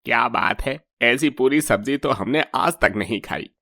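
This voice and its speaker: A man's voice: mid-range voice, normal speed, creaky, sharp tone, no room sound, clean studio sound. A man voicing a cheerful village customer who praises the food. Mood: pleased. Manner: appreciative, friendly.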